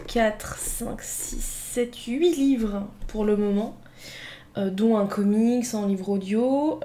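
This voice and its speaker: A woman's voice: mid-range voice, dark tone. Chatty woman book vlogger. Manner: chatty, with many fillers and playful asides. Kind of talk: casual unboxing chat.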